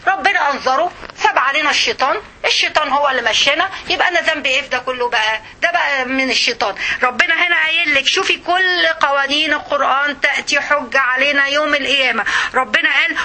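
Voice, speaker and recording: A woman's voice: high voice, quick pace, bright, forceful tone, a little hiss or hum. A woman with an Egyptian accent giving an informal religious lesson to women, preaching conversationally and often checking in with her listeners. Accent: Egyptian Arabic. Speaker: religious teacher.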